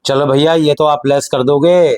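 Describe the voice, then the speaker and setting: A man acts out a mild-mannered elder brother in a family drama. He reasons evenly and patiently, often dropping low and soft, and his voice sits a little high for a man. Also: steady tone, normal speed, close to an everyday voice. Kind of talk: Hindi family drama acting.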